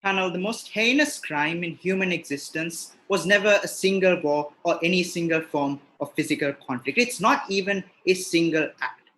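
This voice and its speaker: Man, high voice, emphatic debate speech, video call. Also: normal speed, sharp tone. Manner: rhetorical, emphatic. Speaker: debate speaker.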